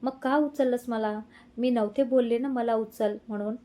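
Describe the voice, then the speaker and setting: Woman reading young wife, shy, pouting, easily flustered, mellow high voice. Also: fairly even intonation, moderate pace, close to an everyday voice. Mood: indignant. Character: young wife, shy and quick to take offense.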